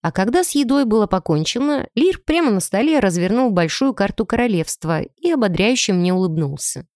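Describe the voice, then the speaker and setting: A woman narrating a first-person audiobook in an expressive storytelling manner. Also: mid-range voice, a little fast, dry recording, clean studio sound.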